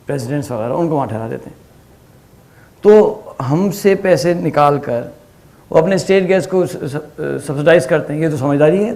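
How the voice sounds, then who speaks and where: Middle-aged male teacher, slightly high, warm tone, chatty lecturing with stories and rhetorical questions. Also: vocal fry. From Pakistan. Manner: animated storytelling with rhetorical questions and English phrases. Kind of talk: conversational lecture.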